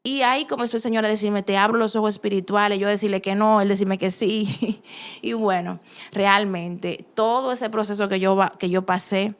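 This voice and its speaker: A woman with a lilt recounts her own story of faith. Her voice sits at a middle pitch, and she speaks earnestly and with emphasis, circling back and restarting her phrases as she goes. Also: steady tone, normal speed. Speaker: testimony giver. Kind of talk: personal faith testimony.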